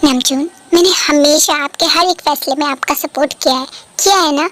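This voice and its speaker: A woman voicing a worried mother pleading for her children in a fan dub, very high voice. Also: moderate pace, a bit bright. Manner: pleading, anxious.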